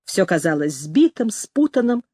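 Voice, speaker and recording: A woman reading a first-person story aloud in a measured, expressive manner. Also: on the low side, no room sound, studio quality. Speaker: audiobook narrator. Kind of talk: first-person literary narration.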